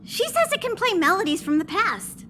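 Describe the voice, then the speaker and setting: A woman voicing a tiny, chatty creature who conducts a train in a game and talks about itself in the third person, with a squeaky, sing-song voice. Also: big pitch swings, moderate pace, sharp tone, full character voice. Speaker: game character. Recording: game audio with clear background noise.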